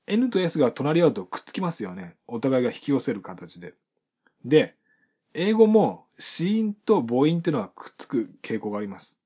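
Man with a husky, lively-pitched teaching voice. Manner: patient, repeats and demonstrates pronunciation examples. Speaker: author explaining his book. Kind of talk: explanatory lesson.

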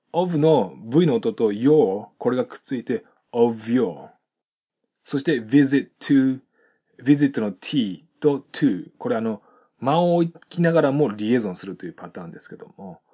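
A man teaching English pronunciation from a textbook, reading example sentences slowly and explaining how the sounds link. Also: mid-range voice, warm tone, husky.

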